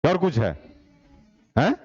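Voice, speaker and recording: A man's voice: a little high, sing-song, takes it slowly, darkish tone, slightly rough, dry recording, muffled recording, faint music behind. Man teaching a class, rhetorical questions. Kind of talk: online exam-prep class.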